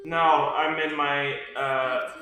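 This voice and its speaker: A man's voice: fairly high pitch, little pitch movement, takes it slowly, background noise. A man streaming and chatting casually on a call, his voice with a cave-like echo from a bare bedroom with wood floors. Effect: cave-like echo from a bare room. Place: sparsely furnished bedroom with wood floor, no acoustic foam. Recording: echoey bare room, event stream music behind.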